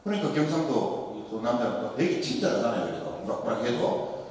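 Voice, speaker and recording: A lively priest from Daegu, South Korea, talks fairly quickly at a medium pitch in the Daegu dialect. His Lenten sermon is an animated, joking run of stories and rhetorical questions, recorded from a distance in an echoey large church hall with a little hiss or hum.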